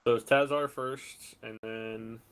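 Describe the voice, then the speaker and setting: A man's voice: mid-range voice, fairly even intonation, takes it slowly, clear, resonant tone. A man acting as game master, narrating and making rulings in a loose, improvised, conversational way.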